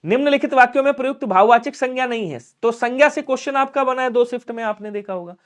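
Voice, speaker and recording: A man's voice: very high-pitched, fast talker. A man teaching an online exam-prep grammar lesson, explaining step by step and asking his students questions that he answers himself. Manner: urges viewers to like and subscribe.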